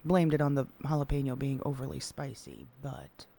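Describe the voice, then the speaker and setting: A man in an in-character roleplay conversation, speaking in a measured way and sometimes dropping to a hushed whisper. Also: medium pitch, very animated, gravelly, slight background noise. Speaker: roleplay player.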